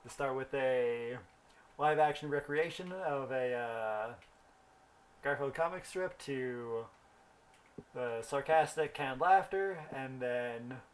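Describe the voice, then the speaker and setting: A man's voice: medium pitch, slow pace. A young man rambling through a story while thinking aloud about the game he is playing. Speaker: gaming video host. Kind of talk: casual gameplay commentary.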